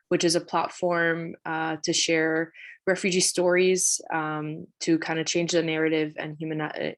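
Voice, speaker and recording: A woman from Syria speaking as a panelist on a video call, measured with frequent fillers. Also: low voice. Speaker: panelist, legal fellow. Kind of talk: panel discussion.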